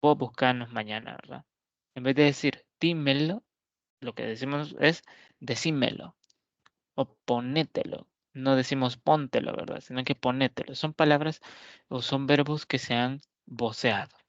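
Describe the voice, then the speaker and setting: A man teaching a grammar lesson, explaining slowly and deliberately, pausing often and checking that his listeners follow. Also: mid-range voice, steady tone, no echo. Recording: dull, lo-fi dry recording.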